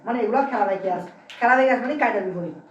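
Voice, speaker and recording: A male teacher giving a classroom grammar lesson. He drills his students with call-and-response questions and is brisk, at times scolding. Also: high voice, a little hiss or hum. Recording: roomy, distant, dull lo-fi classroom recording.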